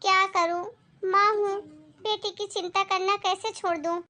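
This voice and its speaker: A woman voicing a worried, loving poor mother who speaks gently and anxiously. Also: extremely high pitch, flat delivery, unhurried, exaggerated voice. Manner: anxious, gentle, soft-spoken.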